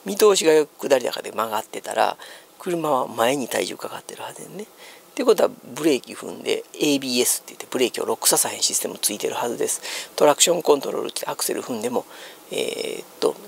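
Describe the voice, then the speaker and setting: A man with a Kansai Japanese accent streams solo from a sofa in a small room at home, casually talking through the news and thinking out loud. His voice is medium in pitch with vocal fry and a faint hiss or hum.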